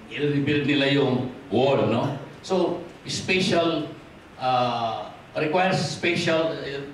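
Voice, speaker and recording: Echoey Filipino pastor preaching from afar. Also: male voice. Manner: mixes in English, asks the congregation for amens; drops low and quiet at ends of points. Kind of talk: sermon. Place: church hall. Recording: echoey hall from far off.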